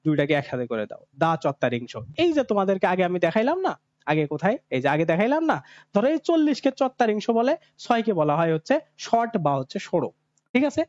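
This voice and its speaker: A man's voice: high voice, very animated, fast talker, a little mellow, dry recording. A man teaching an admission test class. He talks in a colloquial, coaxing way, asks questions and answers them himself, and often checks "ঠিক আছে?". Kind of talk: online class lecture. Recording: dull, dry lo-fi sound.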